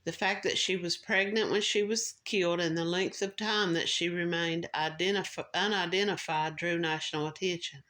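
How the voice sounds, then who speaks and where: A woman's voice: on the low side, fairly bright tone. A woman hosting a true crime podcast, telling the story in a casual, conversational way with restarts and filler words.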